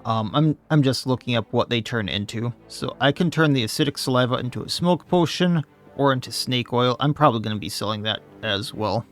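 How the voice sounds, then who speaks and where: A man's voice: medium pitch, expressive, a little fast, fairly bright tone, faint music behind. A man, slightly losing his voice, commenting casually on his own gameplay and thinking aloud as he plays. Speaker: let's play host.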